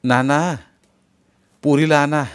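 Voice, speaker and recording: A man's voice: fairly high pitch, flat delivery, slow, clean tone, pitched above the performer's own voice. A man voicing a firm older village pilgrim leader who gives urgent orders, in a storybook reading. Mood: urgent commands.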